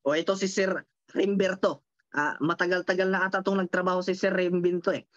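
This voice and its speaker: A woman giving a lively motivational seminar talk, repeating phrases and checking in with her listeners through quick rhetorical questions. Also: lowish voice, no room sound, dull audio. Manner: repeats and counts out phrases for emphasis. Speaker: motivational speaker.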